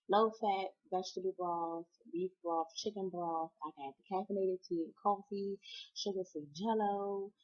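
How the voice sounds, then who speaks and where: A woman chats to her viewers, rambling along with plenty of fillers. Her voice sits a little low and comes out husky. The recording is dull and lo-fi. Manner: chatty, rambling with many fillers. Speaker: vlogger. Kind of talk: casual vlog talk to viewers.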